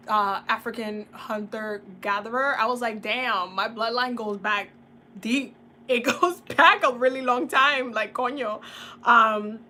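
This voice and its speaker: Bright-voiced chatty woman from the Dominican Republic. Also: on the high side, slight background noise. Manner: chatty, laughs often, casual slang. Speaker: tarot and oracle reader. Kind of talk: casual livestream chat.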